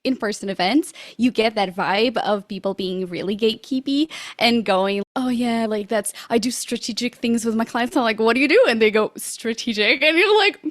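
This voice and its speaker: A woman's voice: a little high, normal speed, few pauses, dry recording, clean studio sound. A woman from Portugal, a podcast guest, speaking in a bubbly, extroverted way and acting out quotes. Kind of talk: casual interview chat.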